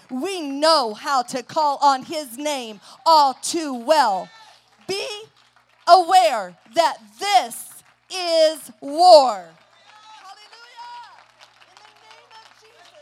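A woman preaching in a church service with a high voice. She speaks slowly and deliberately, stressing each phrase. Her lines swell into loud, forceful declarations. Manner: declaiming a war-like declaration, slow and emphatic, rising to loud shouts. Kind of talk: sermon.

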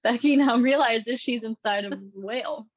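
A woman's voice: fairly high pitch, breathy edge, no room sound, muffled recording. A woman co-hosting a comedy podcast, reading a silly bot-written horror script aloud and laughing often. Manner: giggly, reads in a slow drawl with frequent laughs. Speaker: podcast co-host.

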